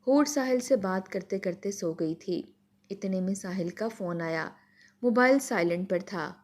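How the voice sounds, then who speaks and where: A woman's voice: medium pitch, lively intonation, darkish tone. A woman narrating an emotional moral story in a dramatic storytelling manner.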